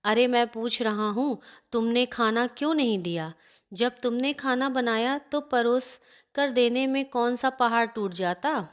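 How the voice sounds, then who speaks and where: A woman's voice: fairly high pitch, a little slow, clean tone, close to an everyday voice. A woman voicing a young husband who harshly scolds his wife in a family story. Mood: angry. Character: angry shouting young husband.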